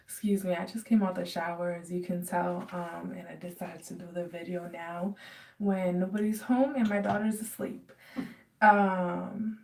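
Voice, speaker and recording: A woman's voice: on the low side, fairly even intonation, normal speed, gravelly, far from the mic, slight background noise. A woman in her twenties from the United States chatting casually in a home Q&A vlog, rambling with many fillers. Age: 20s. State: dry throat. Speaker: vlogger.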